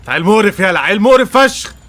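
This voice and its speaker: A young man with an Egyptian Arabic accent streams a game, his high, animated voice firing off rapid commentary over music. Frustrated, he trash-talks, swears, and mocks his opponent.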